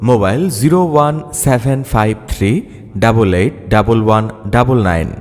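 A male announcer declaims an emphatic sales pitch that sounds as if it is blaring over a PA loudspeaker. His voice sits at an ordinary middle pitch. A long reverb trails each phrase, as if it is bouncing around a big open space. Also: normal speed, soft background music. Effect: echoing announcement as if over a PA loudspeaker.

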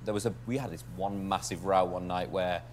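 A man's voice: low-pitched, steady tone, a little hiss or hum. A man telling stories candidly in an interview. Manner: candid, quick storytelling. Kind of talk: casual interview talk.

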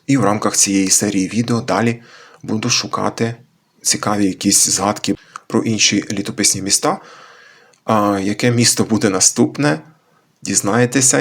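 A man with a slightly low, gravelly voice gives a lesson on old grammar. He talks in a husky tone and works through each word one at a time, explaining carefully and methodically. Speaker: channel host explaining chronicle language.

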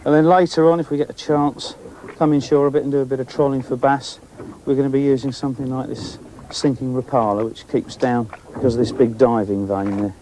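Middle-aged male angling host, mellow and chatty, recorded outdoors on a boat at sea. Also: mid-range voice, fairly quick, hardly any pauses, a little hiss or hum. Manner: chatty, excitable, talks while fishing. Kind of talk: casual on-location commentary.

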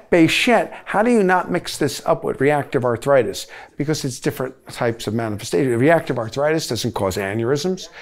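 A middle-aged man giving a lively medical review lecture, joking and acting out both sides of little dialogues. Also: medium pitch. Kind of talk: lively lecture with comic asides.

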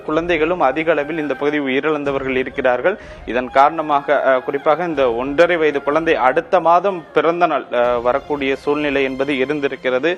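A man reporting live as a field news reporter in formal language, halting and repeating his phrases. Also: fairly high pitch, dull audio.

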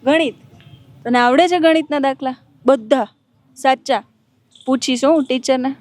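A woman's voice: sits high, a little slow, a little mellow, no echo. A woman reporter interviewing schoolgirls on location outside a school, asking playful, teasing questions.

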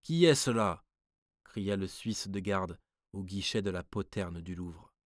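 Brief: male audiobook reader, deep-ish, expressive literary narration. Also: no echo, studio quality. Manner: measured, expressive reading.

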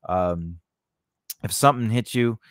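Hosting a writing lesson, a male instructor speaks in a voice on the low side with a fairly bright tone and a measured pace. The studio recording is clean and echo-free. His tutorial is unscripted and informal, conversational in style, full of repeated phrases and check-ins with whoever is listening.

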